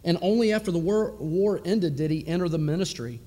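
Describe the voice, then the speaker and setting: Impassioned preacher in a reverberant hall. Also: male voice, high-pitched, brisk, warm tone. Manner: impassioned preaching with rhetorical questions. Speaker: pastor. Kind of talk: sermon.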